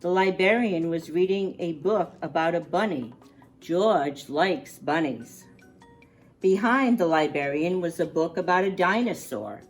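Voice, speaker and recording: A woman reads a picture book aloud to young children in an expressive storytime style, stretching words out for emphasis and tossing in chatty asides. Her voice is on the low side.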